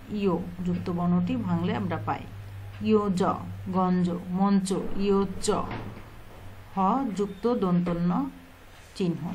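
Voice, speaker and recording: A woman's voice: medium pitch, slight background noise, poor audio. A woman with a Bangladeshi Bengali accent teaching an exam-prep lesson, asking questions and answering them herself, repeating key points.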